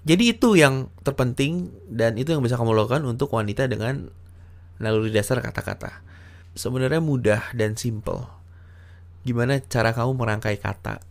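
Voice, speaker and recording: A man's voice: mid-range voice, normal speed, gravelly. A man coaching listeners on romance in a casual, conversational teaching style, acting out sample lines of dialogue. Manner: conversational, acts out sample dialogue, frequent fillers. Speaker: dating coach. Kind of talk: instructional talk. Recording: recorded course audio.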